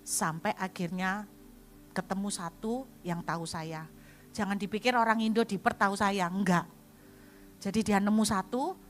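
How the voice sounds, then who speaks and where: A middle-aged woman pastor from Indonesia, preaching a sermon as lively storytelling and acting out the dialogue. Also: medium pitch.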